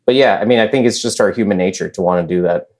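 A man's voice: low-pitched, rapid-fire, darkish tone. A young man chatting as a podcast guest, rambling with lots of filler words. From United States. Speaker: podcast guest, chess master. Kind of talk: casual conversation.

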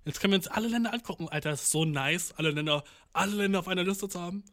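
Rapid-fire and fairly bright, this young man's fairly high voice carries casual reaction commentary on news during a stream. He swears, uses slang, mixes in English words, and mimics the countries he mentions with mock voices.

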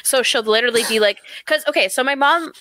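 A woman's voice: a little high, fast talker, sharp tone, no echo, rough recording. A woman co-hosting a podcast, chatting casually, laughing often and swearing freely. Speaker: podcast co-host. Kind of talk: casual chat.

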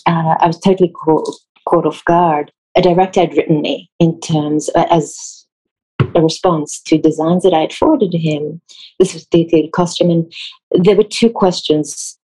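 Speaking in a low, warm, husky voice with fairly even intonation, a woman from Israel answers questions about her work as a theatre designer. She's measured and thoughtful, pausing and revising as she talks, and the audio is poor.

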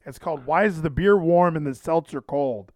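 A male livestream host chats casually and rambles, doubling back on his phrases. His voice is a bit high for a man, recorded dry. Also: moderate pace, darkish tone, dry recording. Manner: rambling, self-interrupting, repeats phrases. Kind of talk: casual chat. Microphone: handheld microphone.

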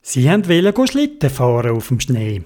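A storyteller with a Swiss German accent telling a children's story in an animated, sing-song way. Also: mid-range voice, fairly quick.

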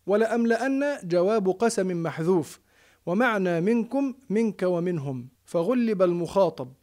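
Male student reader with a high voice, formal steady recitation of a classical text. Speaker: student reading the text aloud.

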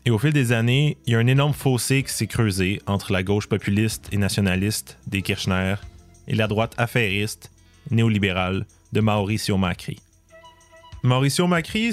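A man with a fairly low voice reads a scripted documentary narration. He keeps a measured, explanatory delivery, and soft music plays faintly behind him.

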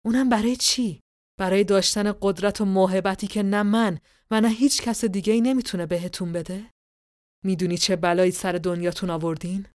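A woman voicing Morpheus, an ancient and vengeful male king of dreams, with a raspy, ringing voice and a cold, scornful, measured way of speaking. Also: fairly low pitch, darkish tone, no echo, studio quality, close to an everyday voice.

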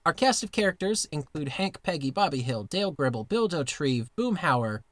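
A man's voice: on the high side, big pitch swings, a little fast, fairly bright tone, dry recording. Give me a rambling male podcast co-host recording inside a closet, with a dead, dry sound. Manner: rambling storyteller with many fillers and restarts. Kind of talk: casual comedic chat.

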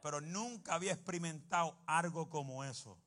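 Forceful preacher, loud bursts. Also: male voice, a little high, brisk. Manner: animated, humorous, bursts into shouting. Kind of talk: sermon.

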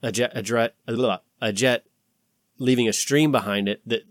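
A man's voice: mid-range voice, steady tone, normal speed, no room sound. Insistent man warning of conspiracies, dry sound. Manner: rambling, swearing, acts out imagined dialogue. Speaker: podcast host. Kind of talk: casual conspiracy talk.

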